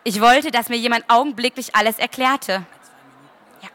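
Woman author doing a live reading at a book fair, bright lively voice. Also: a little high, moderate pace. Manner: lively, expressive reading with laughs.

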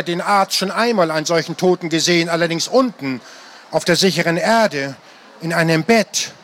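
A man's voice: a little high, a bit bright. A man reading an adventure novel aloud to an audience, telling it dramatically. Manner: dramatic storytelling, acting out the characters.

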